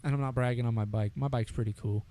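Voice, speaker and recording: A man's voice: medium pitch, steady tone, fast, warm tone. American guy with wry frat-bro banter. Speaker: podcast co-host. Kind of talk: casual banter.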